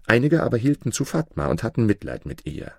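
Deep guy reading a fairy tale, very lively up and down, dry close sound. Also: fairly quick, vocal fry, dry recording. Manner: expressive, varied intonation. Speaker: storyteller. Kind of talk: read-aloud fairy tale narration.

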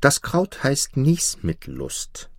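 A man voicing a shrewd, composed prince in a fairy tale, speaking in a slow, superior way. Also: mid-range voice, huge pitch swings, gravelly, a bit bright, no room sound, clean studio sound, voice pushed up, exaggerated voice.

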